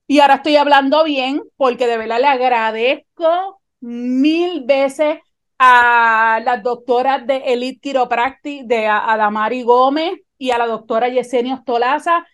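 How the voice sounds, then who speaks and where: A woman, telling a personal story in animated conversation and often checking that her listener follows. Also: high voice, measured pace, clean tone.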